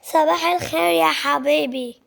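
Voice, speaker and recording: A woman doing a gentle Egyptian mom. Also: sits high, fairly even intonation, moderate pace, creaky, full character voice. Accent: Egyptian Arabic. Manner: gentle, affectionate. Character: kind caring mother making breakfast.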